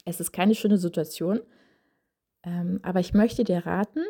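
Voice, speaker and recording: A woman's voice: on the low side, steady tone, moderate pace, creaky, warm tone, slightly rough. A woman giving casual parenting advice in a direct, conversational way, speaking straight to the listener with frequent fillers.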